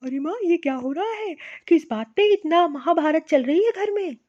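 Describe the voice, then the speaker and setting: A woman's voice: very high-pitched, expressive, normal speed, warm tone, muffled recording. A woman voicing a fair-minded young husband. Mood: reasoning. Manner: reasoning, mildly reproachful.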